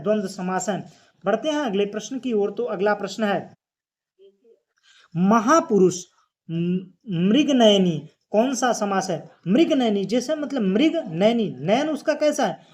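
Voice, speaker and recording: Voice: mid-range voice, a little mellow. A teacher giving an exam-prep lesson, explaining step by step, asking questions and then answering them, and repeating key phrases. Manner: casual, friendly sign-off asking viewers to like and subscribe.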